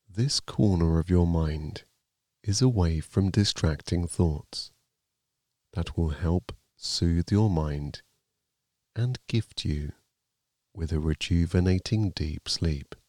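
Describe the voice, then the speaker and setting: A man narrating a guided sleep meditation like a sleep story, in a calm, soothing, gently measured manner. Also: sits low, no echo, studio quality.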